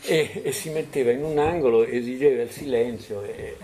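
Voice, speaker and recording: A man's voice: mid-range voice, normal speed, mellow. A man on a panel at a book presentation, telling film anecdotes in a digressive way, full of fillers and checking "no?" with the audience. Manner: digressive, many fillers and tag questions. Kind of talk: anecdotal public talk. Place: bookshop event room.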